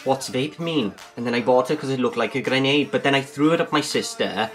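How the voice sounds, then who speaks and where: A man's voice: mid-range voice, fairly quick, fairly bright tone, soft background music, close to an everyday voice. A man voicing a clueless buyer with a Welsh accent, rambling through a complaint. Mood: griping.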